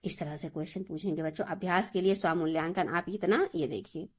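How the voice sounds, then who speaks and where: A woman's voice: lowish voice, steady tone, brisk, slightly rough. A woman Hindi teacher giving a grammar lesson, explaining step by step and repeating each word for her students. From India.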